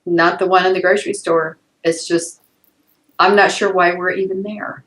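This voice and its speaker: A woman's voice: fairly low pitch, level tone, moderate pace, fairly bright tone, low-quality recording. An older woman, a client in a healing session, talking through memories in a rambling, hesitant way and often breaking into laughter.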